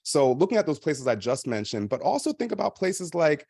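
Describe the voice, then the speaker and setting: A man's voice: on the high side, sing-song, brisk, darkish tone, slightly rough, dry recording, studio quality. A man, the founder of a podcast company, speaking on a panel and explaining practical tips at length with frequent fillers. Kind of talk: panel discussion advice.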